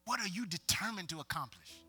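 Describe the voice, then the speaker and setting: A man's voice: high-pitched, expressive, a little fast, husky, faint music behind. A middle-aged man pastor preaching a call-and-response sermon, urging the congregation to answer him and building to emphatic peaks. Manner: rising to emphatic, shouted peaks.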